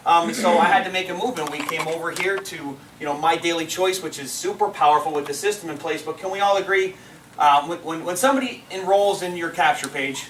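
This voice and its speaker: High-voiced man training a roomful. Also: fairly quick, fairly bright tone. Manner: loose, filler-heavy, keeps asking the room to agree. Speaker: team trainer. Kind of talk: live motivational training talk. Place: meeting room before an audience. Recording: roomy sound from far off the mic with faint noise.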